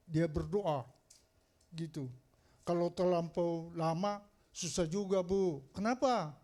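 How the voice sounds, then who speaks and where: A man with a notably high voice preaches in church in a loose storytelling way. He jokes through his anecdotes and laughs often, keeping the sermon chatty and warm-humored. It sounds like a pastor talking straight to his congregation.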